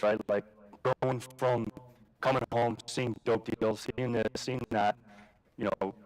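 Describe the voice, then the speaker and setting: On a rough recording, a man with a voice on the low side tells a personal story at a live event. Hailing from Jamaica, Queens, New York, and the father of a daughter, he speaks casually, with plenty of fillers, restarts and swearing.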